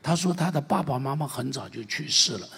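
Man, preacher, sermon storytelling, raspy fry-laden voice, repeats lines, loud to hushed, reverberant hall. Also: a little high, lively intonation, a little fast. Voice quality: very husky, gravelly voice. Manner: emotional retelling with many repeats and swings from loud to hushed.

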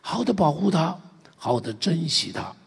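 A man preaching a sermon, retelling a story with many repeats and swings from loud to hushed, in a very husky, gravelly voice. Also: on the high side, big pitch swings, normal speed. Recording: long hall reverb.

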